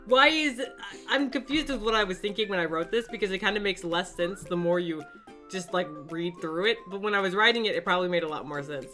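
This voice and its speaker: A woman's voice: mid-range voice, brisk, sharp tone, faint music behind. A young woman hosting a casual chat, reacting to her own old art with lots of giggles and disbelieving exclamations. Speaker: YouTube artist host.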